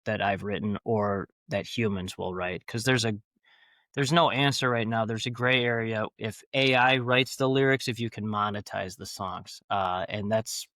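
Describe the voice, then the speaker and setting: Man, low voice, dry close sound, casual rambling interview talk, enthusiastic. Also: normal speed, fairly bright tone, dry recording. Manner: rambling, enthusiastic, many fillers and restarts. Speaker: podcast guest, founder.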